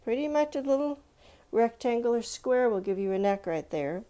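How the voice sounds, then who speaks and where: A woman with a fairly high, warm voice and lively intonation talks at a normal speed while leading children through an informal, step-by-step drawing lesson. As an art teacher for kids, she thinks aloud and cheers her young viewers on, using "let's" and checking in with them.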